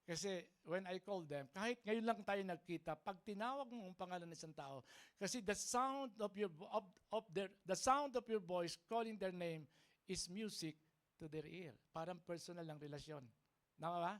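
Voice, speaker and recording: A man's voice: high-pitched, normal speed. A man preaching a sermon as a pastor, mixing Tagalog and English and often checking for the congregation's agreement. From Philippines. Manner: lively, keeps asking the congregation for agreement. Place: church service.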